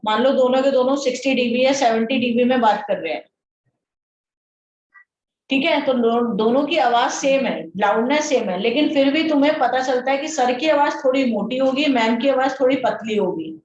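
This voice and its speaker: A woman's voice: sits high, normal speed, darkish tone. A woman teaching a science lesson, explaining step by step and often checking that her students understand. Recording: dull roomy recording with faint noise.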